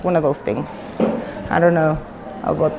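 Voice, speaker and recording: The recording is muffled and the background noisy as a low-voiced woman in her thirties speaks at a normal pace with a steady tone. Born in Mexico and brought up in the United States, she gives a frank, chatty interview inside a Mexican women's prison, often restarting and using fillers.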